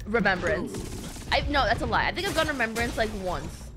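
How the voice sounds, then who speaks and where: A game streamer with a slightly high voice chats at normal speed with her viewers during gameplay, with game music playing. Animated and playful, she keeps the casual talk going and calls them "guys" and "gamers."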